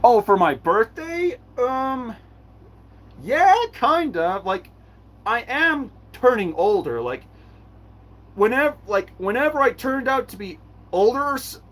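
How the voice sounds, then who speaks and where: High, lively-voiced man streaming. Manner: halting, repeats words and restarts often. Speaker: live streamer. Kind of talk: live stream Q&A, reading chat aloud.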